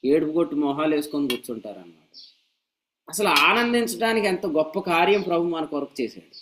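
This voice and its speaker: A man preaching a sermon at a church meeting, animated and scolding with humor and rhetorical questions. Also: fairly high pitch, brisk, poor audio. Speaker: pastor.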